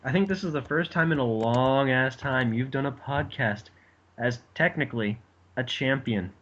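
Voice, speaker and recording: Casting note: young male podcast guest, mid-pitched, joking, muffled lo-fi line. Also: moderate pace, fairly bright tone. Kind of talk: casual chat.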